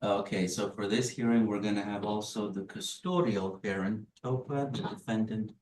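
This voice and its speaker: Male court clerk doing housekeeping, lowish voice, echoey and far off mic. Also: fairly even intonation, normal speed, a little mellow, slight background noise.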